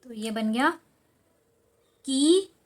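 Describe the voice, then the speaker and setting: A young adult woman teaching children, slowly spelling words out syllable by syllable in a patient tone. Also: high-pitched, animated. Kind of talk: slow, patient lesson for children.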